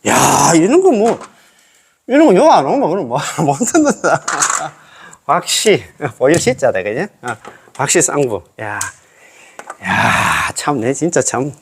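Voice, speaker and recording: A man's voice: fairly high pitch, very animated, unhurried, background noise. A man, a Buddhist monk, giving a casual dharma lecture and checking in with listeners by asking questions. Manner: chatty, checks listeners with tag questions, chuckles often.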